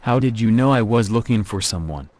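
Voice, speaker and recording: Man playing a low-voiced, composed male vampire. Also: expressive, fairly quick, darkish tone, a little hiss or hum, natural voice. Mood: matter-of-fact. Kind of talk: video game dialogue.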